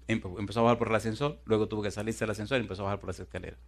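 A man's voice: fairly low pitch, steady tone, rapid-fire, gravelly. A man preaching a sermon, telling a story dramatically and pressing his listeners with fervent, emphatic questions.

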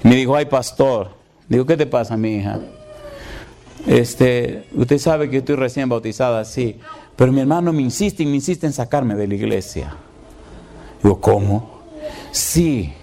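A man's voice: mid-range voice, animated, moderate pace, pauses often, mellow, slight background noise. A middle-aged man, a pastor delivering an emphatic sermon. He asks the congregation rhetorical questions and acts out the dialogue of his story.

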